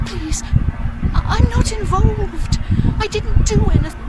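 A woman's voice: extremely high pitch, unhurried, very noisy. An actress voicing a frightened female servant in a fantasy video game, pleading and stammering.

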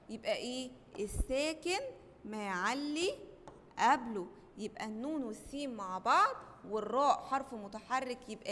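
High-voiced Egyptian woman teacher, echoey. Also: fairly bright tone, slight background noise. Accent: Egyptian Arabic. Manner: asks questions and answers them herself, call-and-response. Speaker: primary school teacher. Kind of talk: children's classroom lesson.

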